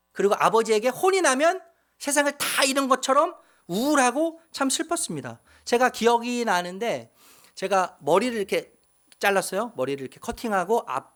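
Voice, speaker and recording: A pastor preaching a sermon, asking the congregation questions and repeating key words for emphasis. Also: male voice, high-pitched, a bit bright.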